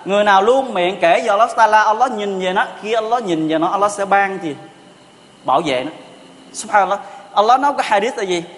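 Guy preaching, high voice, lots of rhetorical questions, long hall echo. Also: brisk, fairly bright tone. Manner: rhetorical questions, repeats exclamations. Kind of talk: sermon with storytelling.

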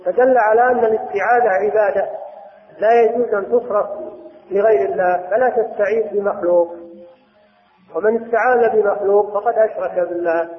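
A man giving a measured religious lesson as a scholar, explaining step by step with some restarts. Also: high voice, fairly even intonation. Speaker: Islamic scholar. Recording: echoey hall over tinny phone-like line.

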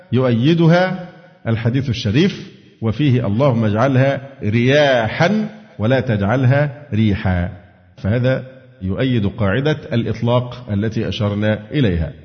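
A man with an Egyptian accent teaching a Quran commentary lesson, asking his students questions and answering them himself. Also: medium pitch. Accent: Egyptian Arabic. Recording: dull lo-fi recording with long hall reverb.

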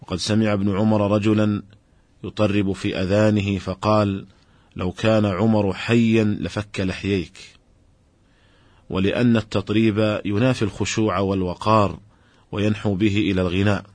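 A man giving a formal religious lesson, explaining rulings in a measured, explanatory way and addressing his listeners directly. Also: fairly low pitch, darkish tone, dry recording. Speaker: Islamic scholar giving a lecture.

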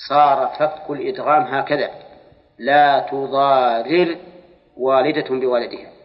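A man teaching Quranic grammar in a classroom lecture, quizzing his students and drawing out words for emphasis. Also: mid-range voice. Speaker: Islamic scholar teaching Quran exegesis. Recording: lo-fi lecture hall recording with long reverb.

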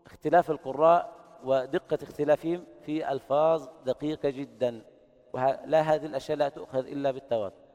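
A man teaching Quran recitation readings in an explanatory lesson, who breaks into slow, melodic chanting to demonstrate each reading. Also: on the high side, a little mellow, in a large hall, muffled recording.

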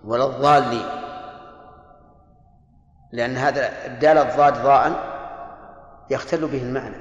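A man's voice: medium pitch, muffled recording. A man teaching a classical jurisprudence lesson, quoting examples of recitation and putting questions to his students, with a cough now and then. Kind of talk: classroom lesson explaining a text. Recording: roomy hall with long reverb.

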